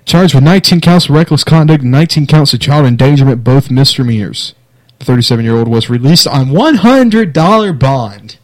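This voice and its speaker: A man's voice: medium pitch, brisk, darkish tone, no room sound, low-quality recording. A man hosting a casual podcast, reading odd news stories in a wry, laughing way. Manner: wry, laughs through stories, mock newscaster delivery. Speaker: podcast host.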